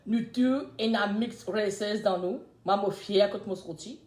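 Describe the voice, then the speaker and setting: An older woman with a Mauritian accent, hosting a casual live chat and telling stories in a lively way, swinging between loud and soft talk. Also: medium pitch, a little slow. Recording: roomy echo.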